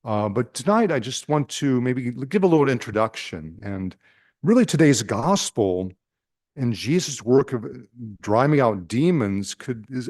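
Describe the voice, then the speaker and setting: A priest with a Nebraskan accent giving an informal retreat talk to a group, halting with many fillers and restarts and asking the room questions. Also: male voice, mid-range voice, darkish tone, no echo.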